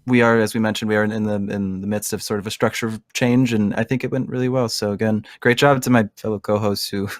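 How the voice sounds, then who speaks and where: A man co-hosting a casual gaming podcast, chatting in a relaxed way with fillers. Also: on the low side, quick pace, hardly any pauses, no echo, studio quality. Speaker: co-host.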